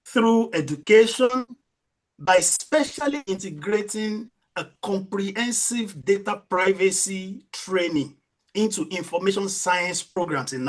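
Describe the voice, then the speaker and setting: Male academic presenter on a conference call: unhurried, formal, courteous and deferential. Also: high-pitched, low-quality recording.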